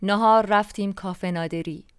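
An older woman from Iran reading her own memoir aloud in a slow, wistful and reflective way. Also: medium pitch, steady tone, clean tone, dry recording, studio quality. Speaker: narrator.

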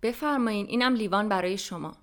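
A woman's voice: mid-range voice, close to an everyday voice. A woman voicing Jamshid, a courteous, hospitable man hosting a dinner, in a scripted language-lesson dialogue. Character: hospitable adult man, the host's husband.

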